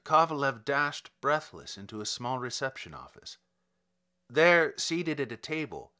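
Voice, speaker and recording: A man reading a classic story aloud as an audiobook narrator, in an expressive, theatrical manner. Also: mid-range voice. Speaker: audiobook reader.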